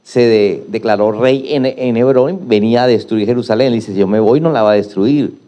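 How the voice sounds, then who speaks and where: A man's voice: medium pitch, normal speed, warm tone. Male pastor, middle-aged, emphatic sermon, call-and-response.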